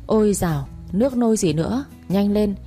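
A woman's voice: mid-range voice, animated, a little fast, dark tone, soft background music, natural voice. A woman voicing a brusque, dismissive young male servant.

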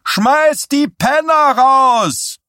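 A man voicing a roaring male populist candidate with the high, whipping singsong of a revival preacher, shouting to a crowd. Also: very slow, no echo, studio quality, heavily acted. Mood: bellowing rally. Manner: bellowing at a crowd. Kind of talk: audiobook character voice.

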